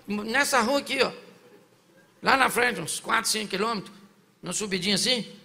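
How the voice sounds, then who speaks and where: A man's voice: sits high, moderate pace, gravelly, sharp tone. A man preaching a sermon as pastor, joking with the church and rising to fiery exhortation. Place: church sanctuary. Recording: long church reverb.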